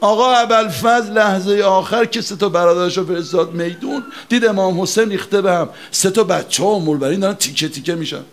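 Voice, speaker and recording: A man preaching a mourning sermon, swinging between shouted lines and chanted lament. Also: sits high, few pauses, slight background noise.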